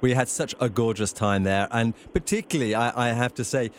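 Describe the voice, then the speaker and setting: A man's voice: medium pitch, brisk. A man hosting a radio travel show, chatting casually with gushing enthusiasm. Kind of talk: casual radio interview chat. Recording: faint background noise.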